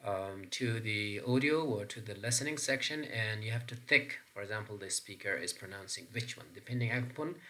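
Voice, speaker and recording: A man's voice: fairly low pitch, moderate pace, few pauses, pushed and bright. A man with an Afghan accent teaching an English pronunciation lesson, explaining step by step with frequent fillers and restarts. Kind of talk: recorded classroom lesson.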